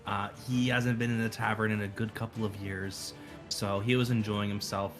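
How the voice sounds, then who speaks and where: A man's voice: fairly low pitch, flat delivery, normal speed. Player, male, easygoing scene-setter, faint music behind. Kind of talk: casual tabletop play.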